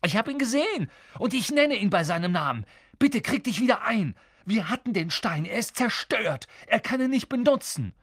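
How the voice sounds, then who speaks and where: A man's voice: high voice, very animated, moderate pace, fairly bright tone, slightly rough, no room sound, clean studio sound, pitched above the performer's own voice, heavily acted. A man voicing an earnest, brave young boy wizard in an audiobook, urging and pleading. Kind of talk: audiobook character voice.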